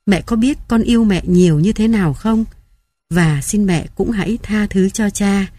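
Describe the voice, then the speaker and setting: A woman narrator voicing a grown daughter softly pleading with her dying mother in an audiobook. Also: mid-range voice, moderate pace, dry recording, natural voice. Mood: tender. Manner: soft, pleading.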